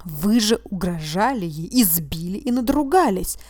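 A woman's voice: mid-range voice, animated, normal speed, a little mellow, dry recording, clean studio sound, natural voice. A woman voicing a stern, sarcastic judge. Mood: furious. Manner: cold, cutting and insistent, flaring into anger. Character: stern, sarcastic male judge interrogating a suspect.

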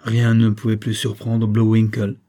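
A man reading a literary novel aloud as audiobook narrator, in a measured style. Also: on the low side, monotone, dark tone. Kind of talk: scripted narration.

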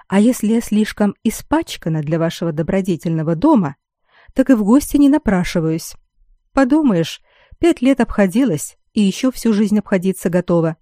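A woman's voice: mid-range voice, lively intonation, normal speed, dark tone, no room sound, clean studio sound, lightly acted. A woman reader voicing a proud, defiant young noblewoman who answers back sharply and with sarcasm.

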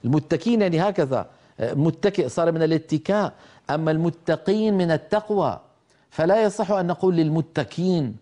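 A man teaching tajweed, explaining pronunciation rules and slowly demonstrating how verses should and should not sound. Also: on the high side, dark tone. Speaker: Quran recitation teacher. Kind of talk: tajweed lesson.

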